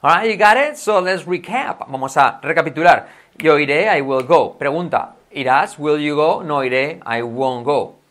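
A man from Spain with a Spanish accent, teaching English in a chatty, lively video lesson, repeating examples slowly and clearly. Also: fairly high pitch. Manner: switches between Spanish and English, repeats examples with drawn-out pronunciation.

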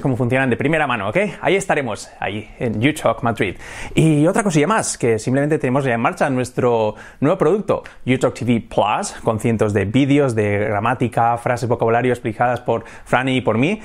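A man in his forties from Spain with a Spanish accent, teaching an English lesson in a chatty way, switching between Spanish and English and often checking in with "ok?". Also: medium pitch. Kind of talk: casual online English lesson.

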